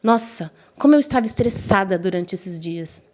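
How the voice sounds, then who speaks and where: A young woman telling a personal story in the first person, emotional and expressive, briefly voicing the other people in it. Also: mid-range voice, normal speed. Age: young adult. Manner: emotional, voices quoted friends and mother lightly.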